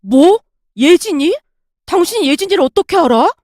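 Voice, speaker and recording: A woman's voice: sits high, very animated, brisk, no room sound, studio quality. A woman voicing a hot-tempered young husband who bursts out in anger. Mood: angry. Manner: heated, shouting outbursts.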